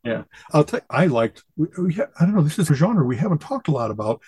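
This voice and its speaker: A man's voice: fairly high pitch, very animated, fast, darkish tone, slightly rough, no echo. Enthusiastic rambling man on a podcast. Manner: enthusiastic, rambling, quotes catchphrases with relish. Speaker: podcast co-host. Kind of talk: casual chat.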